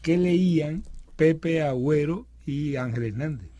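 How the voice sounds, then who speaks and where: A man's voice: on the high side, a little slow, mellow, no room sound. A man interviewing a guest on the radio, prompting with conversational questions.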